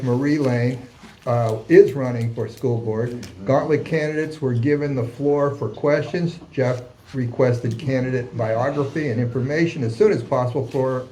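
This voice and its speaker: Mellow-voiced man reading minutes, noisy recording. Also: mid-range voice. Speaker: vice secretary. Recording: meeting room with clear background noise.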